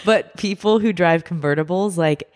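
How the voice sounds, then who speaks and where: Low-voiced chatty woman podcast host. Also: normal speed, long reverb tail. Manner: laughs often, chatty and teasing. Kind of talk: casual chat.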